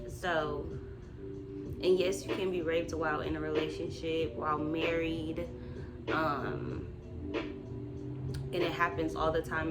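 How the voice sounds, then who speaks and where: A woman in her twenties talking casually and confessionally to her viewers, informal and slangy, hesitating as she looks for words. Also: lowish voice. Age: 20s. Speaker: vlog host. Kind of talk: casual confessional chat to camera. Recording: loud music behind the voice.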